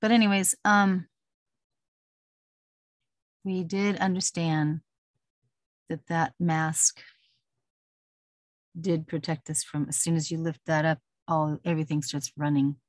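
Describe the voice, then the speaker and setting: A woman's voice: sits low, steady tone, takes it slowly, long pauses, no room sound, studio quality. A middle-aged woman talking casually and rambling, laughing now and then. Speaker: vlogger. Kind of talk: casual personal talk.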